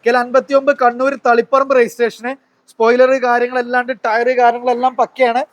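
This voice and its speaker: A man's voice: extremely high pitch, completely flat delivery, fast, no echo. A man hosting a promotional car walkaround, mixing English words into his in enthusiastic sales patter full of tag questions. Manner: mixes English words into Malayalam. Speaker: video host presenting used cars.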